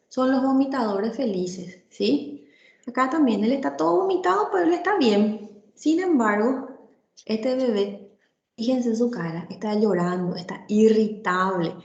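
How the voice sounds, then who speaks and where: A woman's voice: fairly high pitch, a little mellow, roomy sound, muffled recording. A woman giving a medical lecture, explaining step by step and ending almost every phrase with a checking "right?" or "yes?". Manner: tags nearly every phrase with "¿verdad?" or "¿sí?"; explanatory, speaks directly to the students.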